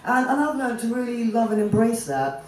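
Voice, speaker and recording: Under an outdoor festival tent, a poet in their thirties (Fiji-born, Jamaica-raised) delivers poems into a stand microphone with emphatic rhythm. Their mid-range voice is very animated, moderately paced and a little mellow, over a faint hiss or hum. The audio, captured from the crowd, is far off and echoey.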